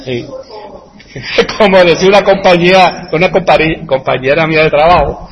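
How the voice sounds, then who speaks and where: Chatty man, higher voice. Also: normal speed, dull audio, a little hiss or hum. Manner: chatty, rambling, asks rhetorical questions, chuckles often. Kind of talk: casual chat, answering viewer comments. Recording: echoey room with long reverb.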